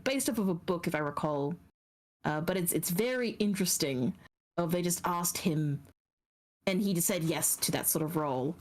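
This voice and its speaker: A woman streamer in casual chat, telling things in a rambling, giggly way. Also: fairly low pitch.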